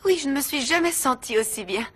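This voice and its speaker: A woman's voice: sits high, animated, brisk, a bit bright. An actress voicing a mother who phones her daughter, tender and oddly cheerful. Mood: sugary. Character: mother calling her daughter to make amends. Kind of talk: dubbed telenovela acting.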